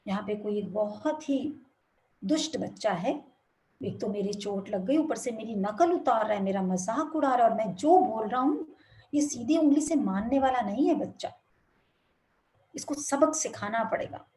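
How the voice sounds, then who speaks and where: Brief: woman doing a furious, sulky young boy in a spoken moral story, higher tone. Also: lively intonation, normal speed, natural voice. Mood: indignant. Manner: loud, indignant outbursts. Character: angry hurt little boy shouting.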